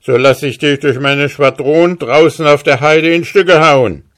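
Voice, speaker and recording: A man's voice: on the high side, measured pace, fairly bright tone, pitched above the performer's own voice. A man voicing an angry, pompous cavalry captain who blusters and threatens sternly. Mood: stern, threatening.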